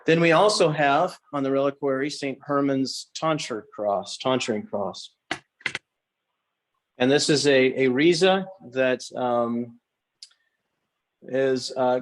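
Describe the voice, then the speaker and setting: A man speaks as a tour guide inside a cathedral, in a middle-pitched voice. His delivery is reverent and explanatory, unscripted and halting, with frequent pauses partway through his sentences. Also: steady tone. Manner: halting, pausing mid-sentence. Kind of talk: informal guided tour narration.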